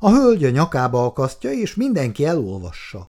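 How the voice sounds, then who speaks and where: An eager, pompous shop manager , voiced by a male reader, who bounces up and down in pitch as he proudly shows off his finds. He sounds wheedling and pleased with himself. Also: wildly swooping pitch, dark tone. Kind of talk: storybook reading.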